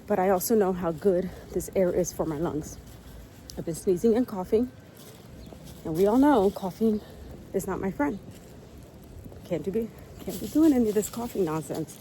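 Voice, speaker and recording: A woman's voice: medium pitch, expressive, normal speed, dark tone, slight background noise, poor audio. A middle-aged woman with a cold, chatting upbeat and straight to camera in a casual vlog. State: sniffly with a cold. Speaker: lifestyle vlogger.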